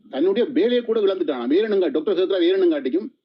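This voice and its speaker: A man's voice: high-pitched, lively intonation, very fast, a little hiss or hum. A man speaking passionately as a guest on a live stream, often restarting words. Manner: impassioned, stumbling restarts. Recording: dull lo-fi live stream audio.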